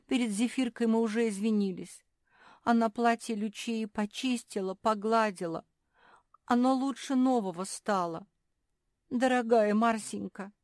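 A woman's voice: fairly high pitch, darkish tone, no room sound, clean studio sound, pitched above the performer's own voice, close to an everyday voice. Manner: gushing. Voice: woman doing a fussy mother labrador. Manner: rapid gushing chatter.

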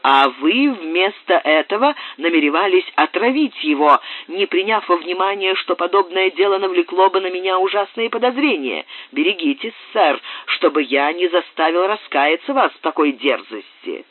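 Male narrator voicing a cold, imperious marquis in an audiobook; slightly high, tinny and dry. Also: big pitch swings, a little slow, no echo. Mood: stern. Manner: cold and stern. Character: cold, commanding aristocratic marquis, middle-aged man.

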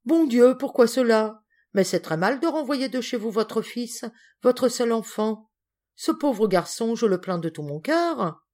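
A woman's voice: on the high side, expressive, a little slow, darkish tone. Woman doing a melodramatic old-maid cousin. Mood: outraged. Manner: exclamatory, melodramatic. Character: excitable, indignant middle-aged spinster cousin.

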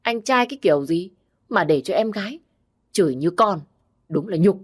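A woman's voice: on the low side, lively intonation, moderate pace, slightly rough. A woman voicing idle male drinking buddies who mock and jeer. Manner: mocking, jeering.

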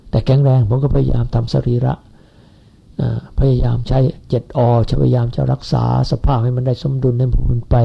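A man in his seventies, a Buddhist teacher, delivers a rambling, folksy sermon to his followers. His voice is mid-range and gravelly, captured in a dull, lo-fi recording.

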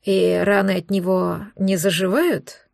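A woman's voice: mid-range voice, expressive, normal speed, creaky, darkish tone, no room sound. A woman voicing a wounded male dragon in human form who grumbles with dry, mocking irony, in an audiobook. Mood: grumpy, mocking. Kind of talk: audiobook dialogue.

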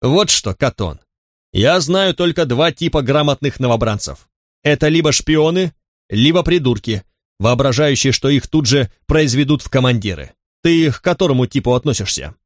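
A man's voice: medium pitch, animated, moderate pace, dry recording, studio quality, lightly acted. A man voicing a brutal, contemptuous male centurion drill instructor who barks at recruits in an audiobook. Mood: mocking. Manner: barking, contemptuous.

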